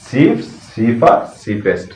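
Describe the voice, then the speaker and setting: A man with a Bangladeshi Bengali accent teaching English grammar in a slow, classroom-style lesson, repeating key terms and asking and answering his own questions. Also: medium pitch, very animated, darkish tone. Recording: echoey room, mic at a distance.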